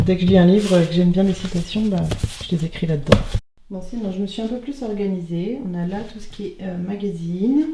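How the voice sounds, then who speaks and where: A young woman vlogging in casual chat at home while arranging her bookshelf, chatty and slangy, meandering with many pauses. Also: mid-range voice, mellow, a little hiss or hum. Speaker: book vlogger. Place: her apartment, next to a bookshelf.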